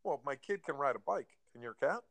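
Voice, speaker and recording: A man's voice: fairly high pitch, animated, fairly quick, vocal fry, fairly bright tone, dry recording. A man co-hosting a casual chat, mocking and incredulous as he needles his friend. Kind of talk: casual banter.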